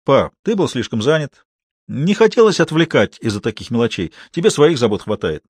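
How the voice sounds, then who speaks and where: A man's voice: medium pitch, big pitch swings, fairly quick, husky, no echo. Man reading as a cheeky teen boy, breezy and sure of himself, audiobook, dry close sound. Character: sixteen-year-old son, cheeky and quick-witted.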